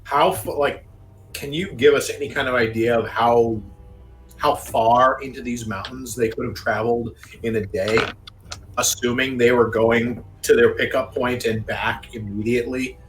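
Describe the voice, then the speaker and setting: A man's voice: medium pitch, steady tone, normal speed, poor audio. A man playing a tabletop game, asking questions and thinking aloud in a meandering way, over a remote call microphone. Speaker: player. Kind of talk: casual tabletop game chat.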